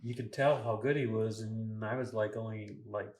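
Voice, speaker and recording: A man's voice: lowish voice, fairly even intonation, moderate pace, a little mellow. A man in his sixties hosting a casual chat show, easygoing, laughing often and trailing off mid-thought. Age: 60s. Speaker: podcast host. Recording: echoey room.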